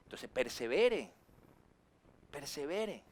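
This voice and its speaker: Preaching man, fairly high voice. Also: big pitch swings. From Venezuela. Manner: preachy, rises and drops sharply for emphasis, acts out quick asides. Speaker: pastor. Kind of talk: sermon.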